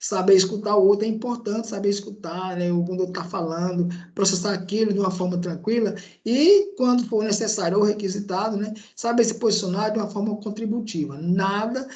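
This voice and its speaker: A man's voice: high voice, fairly quick, few pauses, a little mellow. A man with a Brazilian accent giving an online lecture as an instructor. He talks in a conversational way, with frequent tag questions and hesitations. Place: indoor room at a laptop. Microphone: laptop microphone.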